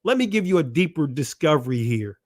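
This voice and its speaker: A man's voice: on the high side, sing-song, fairly quick, a little mellow. A man giving a casual religious teaching talk, emphatic and repetitive, often asking rhetorical questions and laughing between points. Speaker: channel presenter.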